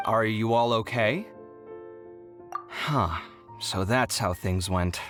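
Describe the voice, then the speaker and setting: A man playing an exasperated, soft-hearted young man in an anime video game, theatrical, sarcastic and easily offended. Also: on the low side, slow, music in the background. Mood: concerned, sighing.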